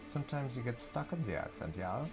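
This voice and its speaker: A man's voice: mid-range voice, very animated, brisk, music in the background. A man thinking aloud while he paints. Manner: rambling and laughing, thinking aloud while working. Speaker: live stream host painting figures. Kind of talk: casual live stream chat.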